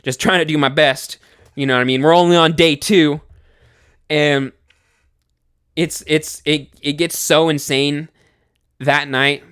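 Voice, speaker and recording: A young man telling a scary personal story in casual speech, animated, swearing freely and full of fillers and restarts. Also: fairly high pitch, measured pace, long pauses, clear, resonant tone, dry recording, clean studio sound.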